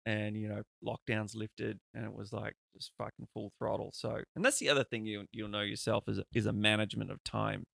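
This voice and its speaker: Male host, 30s, gravelly and bright, chatty and sweary, dry podcast mic. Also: on the low side, steady tone, a little fast, few pauses, no room sound. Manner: chatty, rambling and peppered with swearing. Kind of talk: casual conversational interview.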